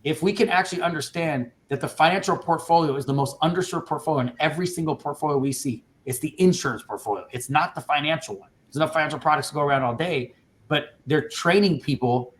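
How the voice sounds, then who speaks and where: Fast-talking, fired-up man hosting a panel. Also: on the high side, slight background noise. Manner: passionate, emphatic, interrupts. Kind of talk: casual panel discussion.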